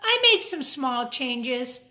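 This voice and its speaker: A woman with a high, sharp-toned voice reads a picture book aloud to children, slowly and animatedly, adding simple asides for her young audience. She is a teacher at storytime, and the room sounds roomy and echoing.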